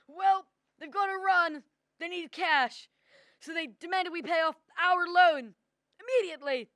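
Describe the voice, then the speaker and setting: A woman's voice: very high-pitched, unhurried, pushed and bright, no echo, studio quality, exaggerated voice. A teenage girl acting a flustered, panicky uncle in an amateur radio drama, fretful and exclaiming. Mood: panicked. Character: flustered, panicky older uncle working at a small loan firm.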